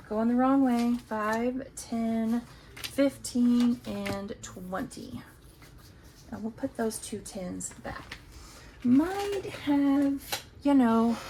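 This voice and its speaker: Woman doing a laid-back budget vlog, slow and chatty, bit of faint hiss behind her. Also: on the high side, darkish tone. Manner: chatty, talks to herself while counting. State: has the hiccups. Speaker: budgeting vlogger. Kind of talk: casual savings-challenge walkthrough.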